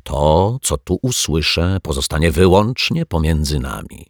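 A man's voice: sing-song, a little slow, no room sound, studio quality, heavily acted. A man voicing a self-assured, thoughtful male detective in a children's story, speaking confidently. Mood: reassuring. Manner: confident and booming. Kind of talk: storybook character voice.

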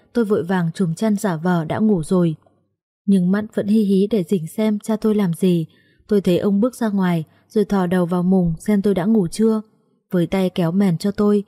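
A woman's voice: mid-range voice, warm tone. A woman narrating a first-person story in a heartfelt, emotional way.

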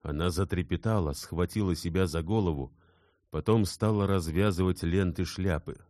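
A man reads a classic novel aloud in a measured, dramatic way. His voice sits very low and has a dark, mellow tone. The recording is close and dry, with no room sound. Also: no echo. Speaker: audiobook narrator. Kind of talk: scripted literary narration.

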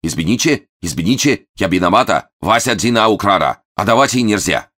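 A man voicing a bowing male servant who speaks in broken, halting phrases in an audiobook. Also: lowish voice, expressive, a bit bright, pitched above the performer's own voice. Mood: flustered. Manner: muttering, broken grammar, apologetic.

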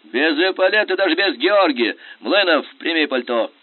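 A man's voice: a little high, expressive, normal speed, pitched above the performer's own voice. A man voicing an imperious, scornful Russian general who talks in biting, sarcastic commands. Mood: commanding. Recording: tinny phone-like sound.

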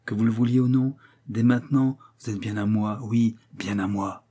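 A man's voice: steady tone, normal speed, dark tone, husky. A man playing a menacing aristocratic count. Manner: insistent, gloating, low and possessive.

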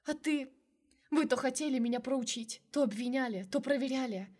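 A woman's voice: sits high, normal speed, pitched above the performer's own voice. A woman playing a tearful, furious young woman. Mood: indignant. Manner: sharp, raised, indignant.

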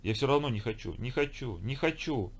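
A man's voice: mid-range voice, lively intonation, brisk, voice pushed up, lightly acted. Audiobook role: sobbing, timid adopted teen, read by a man. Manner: mumbling, sobbing. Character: tearful adopted teenage boy, timid and pleading.

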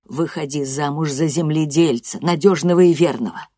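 A woman's voice: mellow, no room sound, studio quality. Woman doing a stern old grandmother. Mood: lecturing. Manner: slow, low, stern.

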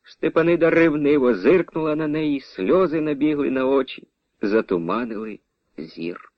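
A man narrating a novel in a dramatic, expressive reading, in a dull, dry radio recording. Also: on the high side, moderate pace, no echo. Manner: expressive, varied.

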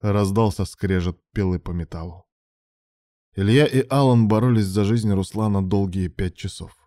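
This is a man narrating a tense story in a steady, dramatic reading. His voice sits low with a warm, mellow tone, and the sound is dry and close. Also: moderate pace, no room sound.

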